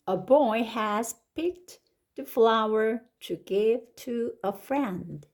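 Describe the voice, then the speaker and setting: Reading an English picture book slowly and expressively like a teacher, this Korean-accented woman has a voice that's a little high. She stretches her words deliberately and lifts her voice with lively rises on the exciting words and exclamations.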